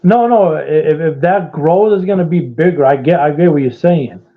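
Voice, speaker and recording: A man's voice: fairly high pitch, normal speed. A man from Iraq calling in to a livestream debate, talking hesitantly with restarts. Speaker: caller. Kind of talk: casual call-in debate. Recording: tinny phone-like call line.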